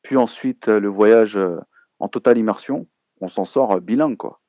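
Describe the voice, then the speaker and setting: A man hosting a casual live chat, speaking hesitantly with many pauses and fillers, with a gravelly voice on a dull lo-fi recording. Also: on the low side, dark tone, dry recording. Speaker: host.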